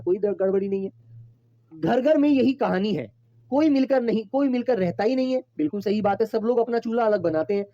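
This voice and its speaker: Casting: male teacher, warm dark tone, dry close sound, slightly dull lo-fi audio, affectionate and repetitive with students. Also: high voice, dry recording. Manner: addresses students fondly as children, repeats points. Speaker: Hindi teacher. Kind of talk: online exam-prep class. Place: online class recording.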